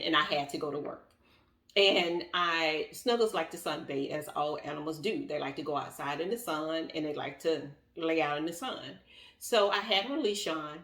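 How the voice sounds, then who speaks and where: A woman vlogger telling a personal story in a casual, animated way, acting out what others said. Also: low-pitched, distant mic. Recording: echoey room, voice off-mic.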